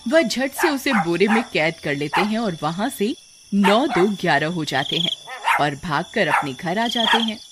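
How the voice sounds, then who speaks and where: A woman's voice: medium pitch, expressive, unhurried. A woman reading scripted narration for a children's story. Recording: very noisy background.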